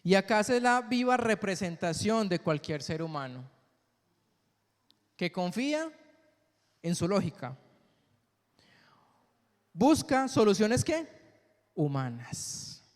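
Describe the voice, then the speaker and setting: A man's voice: very animated, takes it slowly, pauses often. Preacher man in a reverberant church. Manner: call-and-response questions to the congregation; dramatic swings between loud high peaks and soft low endings. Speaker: pastor. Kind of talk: sermon. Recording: long church hall reverb.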